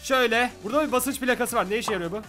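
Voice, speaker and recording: A playful, jokey man gives excitable game commentary in a very high voice with a bright edge. He talks quickly, and faint music plays behind him. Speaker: gaming YouTuber. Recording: gaming voice-over with music behind.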